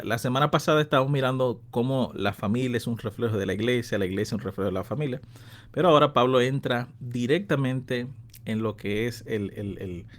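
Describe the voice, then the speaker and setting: A man in his thirties hosting a Bible-lesson radio program, friendly and chatty, laughing often. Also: medium pitch. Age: 30s. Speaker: radio host and pastor.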